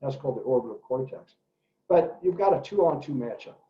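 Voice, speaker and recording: A middle-aged man, an educator, giving an animated talk to parents and telling stories in character voices, in an echoey room with dull lo-fi sound. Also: medium pitch, fairly quick. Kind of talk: presentation for parents.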